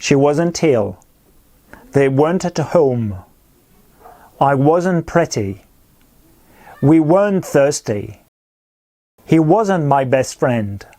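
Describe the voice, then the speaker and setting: A man teaching English grammar in a recorded lesson, explaining clearly and patiently and repeating pronunciation drills. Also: on the high side, lively intonation, drawn-out words, long pauses, mellow.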